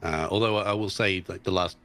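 A guest streamer recovering from tonsillitis chats casually about his game, hesitant and full of restarts and ums. His deep voice is steady and a bit bright, and he talks fast.

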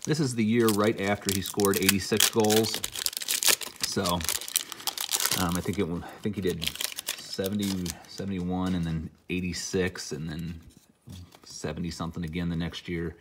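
A middle-aged man, a little under the weather, rambles casually and tosses in dry asides while naming cards as he opens hockey card packs. He sits at a table in an indoor room with a hobby display behind him. His deep voice holds a level tone at a moderate pace over heavy background noise.

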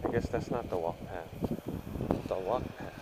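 A man filming a hike, talking in an excited, slangy way and exclaiming often, on a seaside cliff outdoors, recorded on a handheld camera mic. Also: low voice, normal speed. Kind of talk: casual hiking vlog chat. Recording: loud wind noise on camera mic.

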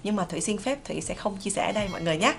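A woman from Vietnam teaching an online English lesson in a friendly way, slowly repeating English phrases for learners to copy. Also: mid-range voice, expressive, vocal fry, faint music behind. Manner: friendly, slow drilled repetitions of English phrases.

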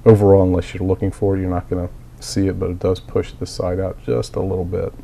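A man talks fast in a low, gravelly yet mellow voice with flat delivery, and a little hiss or hum sits in the recording. He's a miniature hobbyist recovering from a cold, coughing occasionally as he plainly and methodically runs through a hobby build in a casual tutorial full of fillers.

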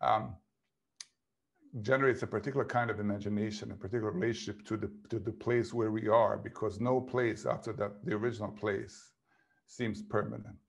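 A man's voice: fairly low pitch, fairly even intonation, fairly quick, vocal fry. A man in his fifties, an author on a panel, speaking over a video call from a home office and working through his ideas in long, thoughtful clauses. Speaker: author guest. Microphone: video call, computer mic.

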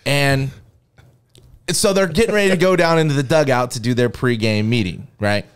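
A man co-hosting a casual sports podcast, telling stories with excitement, swearing and laughing at himself. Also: medium pitch, moderate pace, clean tone. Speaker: podcast co-host.

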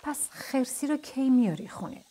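A woman voicing a small chatty toy rabbit creature in a children's storybook, eager and curious, with a high pleading voice. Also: expressive, warm tone, husky.

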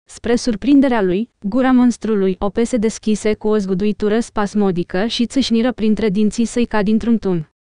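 A woman narrating an audiobook in a steady, even storytelling manner. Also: mid-range voice, clean tone, no echo, clean studio sound.

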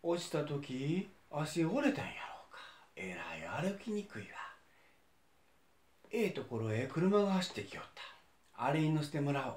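A man's voice: a little high, expressive, moderate pace, a little mellow, lightly acted. Man playing a dead acrobat, Kansai accent, fretful, echoey room. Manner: showy patter, then fretful muttering. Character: boastful male acrobat, freshly dead.

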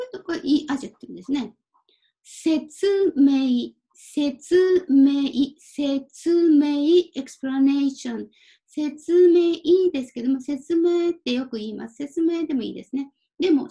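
A woman's voice: high-pitched, mellow. A woman teaching a vocabulary lesson, repeating each word several times and adding short English glosses. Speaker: Japanese language teacher. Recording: dull lo-fi audio.

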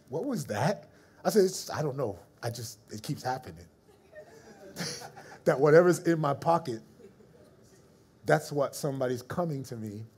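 A male pastor giving a storytelling sermon in casual slang, acting out the people in his stories and dropping to a soft, slow voice for reflective moments. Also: on the high side, breathy edge.

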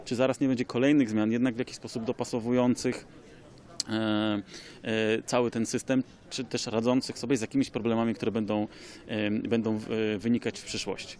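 A man, a lawyer, giving an expert comment in a measured way, often pausing with hesitation fillers. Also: on the low side, flat delivery, a little mellow. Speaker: lawyer commenting on tax changes.

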